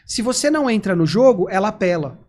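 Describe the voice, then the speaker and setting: A man's voice: high voice, quick pace. A man with a Brazilian Portuguese accent, a persuasion trainer explaining techniques in conversation and acting out quoted dialogue. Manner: animated, acts out quoted dialogue. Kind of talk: conversational explaining with acted examples.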